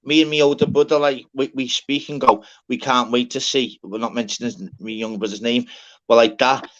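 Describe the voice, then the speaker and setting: A man's voice: mid-range voice, steady tone, fairly quick, fairly bright tone. A man with a Liverpool accent in casual, sweary banter, talking in rambling, repetitive, broken-up sentences. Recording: dull lo-fi audio.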